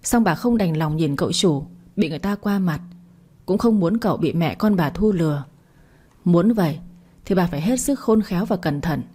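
A woman narrates a long family drama story in a steady, scripted reading. Her voice sits low and sounds mellow and warm rather than bright. She reads the characters' lines herself without taking on new voices. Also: normal speed, breathy edge.

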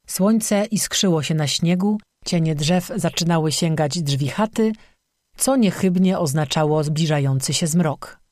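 An audiobook narrator reading a folk tale in steady, even, scripted storytelling, recorded on a close studio microphone. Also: mid-range voice, dry recording.

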